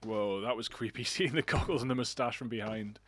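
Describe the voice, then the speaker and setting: Fairly quick and a bit bright, this medium-pitched male voice belongs to an esports caster narrating an online shooter alone. His game commentary wanders and chats, peppered with jokes at his own expense.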